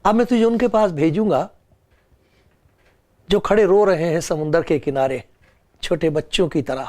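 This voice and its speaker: High-voiced earnest male preacher. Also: darkish tone. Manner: earnest, pleading preaching with rising and falling emphasis. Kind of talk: sermon.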